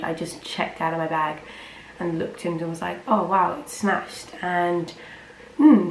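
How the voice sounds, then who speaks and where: Talking to her camera in a loose, wandering way, this teenage vlogger leans heavily on filler words. A cold has left her middling-pitched voice slightly croaky, and the echoey room carries a faint ambient hiss in the background.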